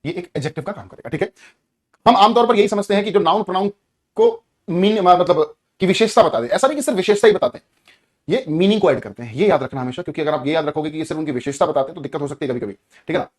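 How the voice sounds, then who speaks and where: Speaking fast in a voice on the high side, a Hindi-accented man teaches grammar online. He keeps the energy up, repeats the important words, and quizzes his students.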